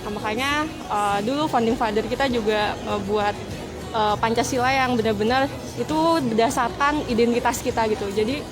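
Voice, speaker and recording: A woman's voice: fairly high pitch, normal speed, music in the background. A woman from Bandung gives a casual interview answer, searching for her words as she goes. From Bandung, Indonesia.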